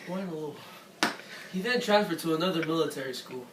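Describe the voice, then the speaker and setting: A man's voice: a little high, expressive, quick pace. Slangy man co-anchoring a mock newscast. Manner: casual, slangy asides. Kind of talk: school-project mock newscast. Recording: echoey room, far from mic, loud background noise.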